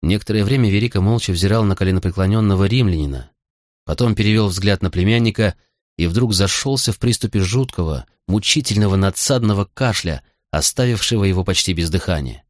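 A man narrates an audiobook in a steady, measured way. His voice sits low, and the close recording is dry and free of room sound. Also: dry recording. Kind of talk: scripted narration.

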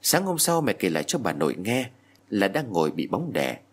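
A man with a low, husky voice tells a horror story, his pitch rising and falling with lively emphasis. Faint music plays underneath the narration. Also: moderate pace.

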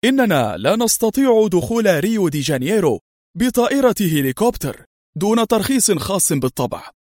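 A man voicing a cool-headed male secret agent who speaks calmly and tersely. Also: sits high, no echo, clean studio sound, voice pushed up. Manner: calm and terse.

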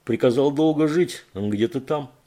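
A man's voice: medium pitch, moderate pace, warm tone, natural voice. A man voicing a shaken, exhausted young man who speaks urgently and insistently.

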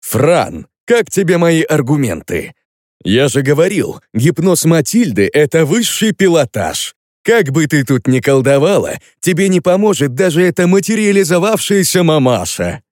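A smug male rival taunts and mocks in a louder, raised voice, as the narrator plays him. It stays a man's voice, recorded close and dry in a storybook reading. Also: a little high, very animated, moderate pace, no room sound, pitched above the performer's own voice. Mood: taunting. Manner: mocking, loud and taunting.

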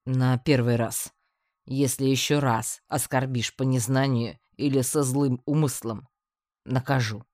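A prim, self-important male mage, as the reader puts him on, speaking in a measured, lofty way. The voice is dry and close, with no room around it. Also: mid-range voice, fairly even intonation, a little mellow, no room sound, natural voice. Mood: stern.

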